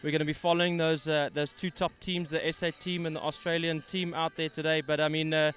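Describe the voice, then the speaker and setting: A man's voice: fairly high pitch, little pitch movement, brisk, a bit bright. A man hosting a live fishing-tournament broadcast, chatty and upbeat while out of breath. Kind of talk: live interview. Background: faint music.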